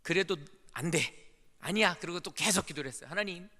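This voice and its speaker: A male pastor preaching a sermon, swinging between loud pleading outbursts and hushed whispers. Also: a little high, brisk. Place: church sanctuary. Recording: long church reverb.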